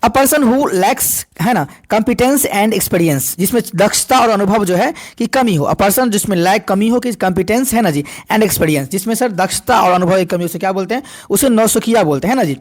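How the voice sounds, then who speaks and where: A man teaching an exam-prep vocabulary class, asking and answering his own questions over and over and reading definitions slowly. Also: high voice, expressive. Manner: repetitive call-and-response questioning, slow over English definitions.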